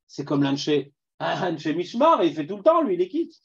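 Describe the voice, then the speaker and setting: A man's voice: a little high, sing-song, normal speed, gravelly, husky, lo-fi sound. A man with a Parisian accent teaching a Talmud class, putting questions to his students and mixing in Hebrew terms. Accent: Parisian French.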